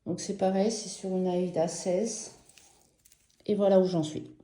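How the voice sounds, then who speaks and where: Slow, soft-spoken French woman, echoey room. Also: fairly low pitch, steady tone. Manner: slow, gentle and enthusiastic, with many fillers. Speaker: embroidery vlogger. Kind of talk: casual show-and-tell vlog.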